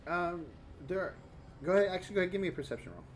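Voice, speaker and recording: A man's voice: high-pitched, animated, rapid-fire, slight background noise. A man narrating a tabletop role-playing game as game master, describing scenes in detail and walking the players through them.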